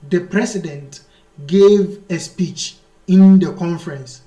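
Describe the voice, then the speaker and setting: A man with a high voice teaches an Arabic grammar lesson in a room with strong echo. He explains slowly and repeats key terms, reading the Arabic text out fast and then translating it into English at an unhurried pace. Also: warm tone. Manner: slow, repetitive explanation, mixing English with read-out Arabic.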